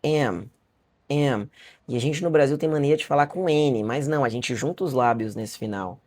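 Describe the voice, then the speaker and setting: A Brazilian man with a Brazilian Portuguese accent, teaching a beginner lesson online in a chatty, encouraging way and repeating words slowly for practice. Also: medium pitch, darkish tone. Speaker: English teacher. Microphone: webcam or camera facing him.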